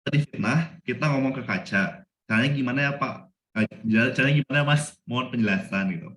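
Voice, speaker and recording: A man's voice: mid-range voice, fast talker, fairly bright tone. A man moderating a webinar over a video call, putting casual, slangy questions to the speaker. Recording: roomy echo.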